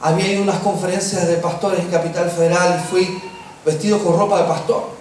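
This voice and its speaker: High-voiced Argentine pastor in echoey room. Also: male voice, little pitch movement, darkish tone. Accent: Argentine Spanish. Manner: humorous storytelling, slows for emphasis. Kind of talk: sermon with personal stories. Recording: echoey room, distant mic, faint noise.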